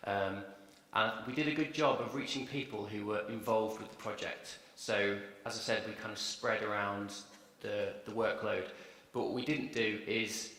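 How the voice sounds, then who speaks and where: A man's voice: on the low side, fairly even intonation, normal speed, few pauses, fairly bright tone. A male conference speaker answering audience questions in a lecture hall, hesitant, with many fillers and restarts. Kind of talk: Q&A answers after a talk.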